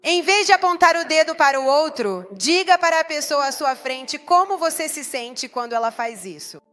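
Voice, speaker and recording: Woman pastor preaching, high voice, punchy, keeps asking the crowd questions, soft music under it. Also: expressive, moderate pace. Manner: emphatic, asks the congregation rhetorical questions. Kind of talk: sermon.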